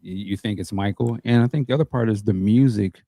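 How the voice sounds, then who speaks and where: Laid-back low-voiced man, dry sound. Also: brisk, mellow, dry recording. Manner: laid-back, rambling, laughs easily. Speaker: co-host panelist. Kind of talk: casual podcast chat.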